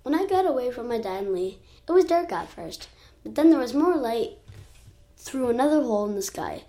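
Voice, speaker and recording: Woman voicing a little kid, eight years old, rambling, self-correcting, fairly high voice, storybook. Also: big pitch swings, a little fast, dark tone. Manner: chatty, keeps correcting itself. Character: rambling eight-year-old child, nervously brave. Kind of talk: storybook narration.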